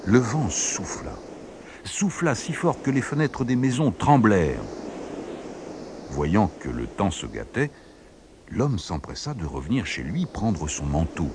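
Deep, theatrical male storyteller. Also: big pitch swings, a little slow, background noise. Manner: theatrical, acts out each character. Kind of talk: expressive storybook narration. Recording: background music under the voice.

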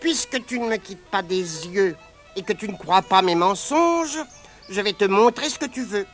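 A woman voicing a tiny, wily male leprechaun who whines, pleads and tries to trick, in a very high, shrill voice. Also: animated, moderate pace, faint music behind, natural voice. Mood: cowed. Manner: sly and pleading, fakes tears and fright.

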